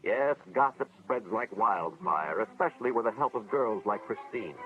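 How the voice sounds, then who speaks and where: Here an American man, lightly acting, voices an earnest school official who narrates a 1950s educational film with dramatic moralizing. His voice is on the low side and expressive, at a normal speed, over a dull vintage soundtrack with music in the background.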